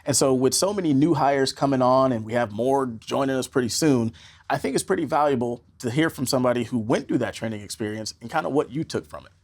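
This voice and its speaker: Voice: medium pitch, fast talker, a little mellow. A host running a casual workplace interview show, playful and enthusiastic as they introduce and question a guest.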